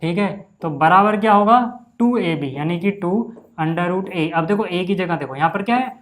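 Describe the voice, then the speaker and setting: A man's voice: sits high, expressive, moderate pace, a bit bright. Man, maths teacher, Hindi accent, casual explaining, repeats fillers, screen-recorded lesson. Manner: casual, repeats "ठीक है" and "भाई" often.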